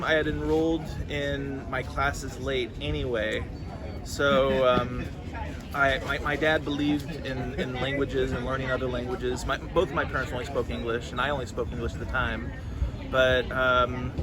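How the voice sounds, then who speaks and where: Outdoors at a farmers market, a man in his thirties who farms in California is a guest answering interview questions with sincerity and frequent restarts. He speaks at a moderate pace in a medium pitch with fairly even intonation, over a background crowd, street noise and traffic.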